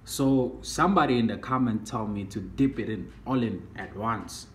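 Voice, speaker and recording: A young man from the United States talking casually to a phone camera in a vlog, slow and drawling, often trailing off. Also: fairly low pitch. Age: young adult. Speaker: vlogger. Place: small room indoors. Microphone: phone camera at arm's length. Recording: roomy phone recording, faint hiss.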